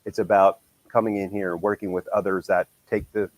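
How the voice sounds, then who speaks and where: A man's voice: low-pitched, flat delivery, a little fast, no echo, poor audio. A man hosting a casual podcast, his voice nasal from a cold, upbeat and promotional. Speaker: podcast host.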